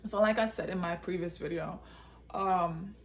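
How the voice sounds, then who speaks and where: She's a vlogger and author recounting her own life casually, leaning on repeated phrases for emphasis and slipping into Patois, with roots in Jamaica and an upbringing in England and the United States. Her voice runs on the low side at a normal speed, and there's slight background noise.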